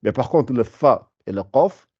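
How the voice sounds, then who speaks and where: A man teaching a beginner language class, patiently repeating sounds slowly to show how they are pronounced. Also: medium pitch, expressive, dark tone, breathy edge, dry recording, highs cut off. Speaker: Arabic teacher.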